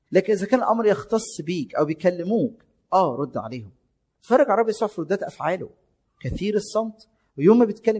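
A man's voice: high-pitched, a little mellow, husky. A man preaching a sermon in an Egyptian Arabic accent, exhorting listeners with rhetorical questions and shifting emphasis.

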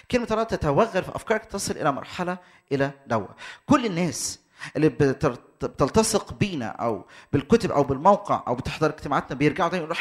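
A man with an Egyptian Arabic accent and a fairly high-pitched voice delivers a teaching sermon. He explains things step by step, restating his points to be precise.

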